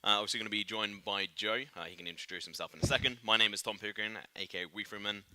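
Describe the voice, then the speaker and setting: A man's voice: on the low side, steady tone, rapid-fire, pushed and bright. A man hosting a casual esports podcast in a studio, chatty and upbeat, with plenty of "uh"s and restarts. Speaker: podcast host.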